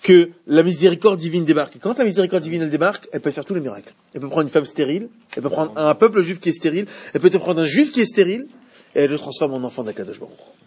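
Un homme qui donne un cours de Torah de façon animée et pose des questions à ses élèves. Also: male voice, on the high side, rapid-fire, slightly rough, dull audio. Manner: animated, asks the class questions. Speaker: Torah teacher. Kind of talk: Torah class.

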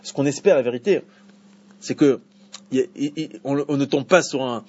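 A man teaching an evening Torah class to a small group, animated, with bursts of emphatic preaching. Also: moderate pace, breathy edge. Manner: animated, rises to emphatic high preaching at key points, interacts with listeners. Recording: dull lo-fi recording with faint background noise.

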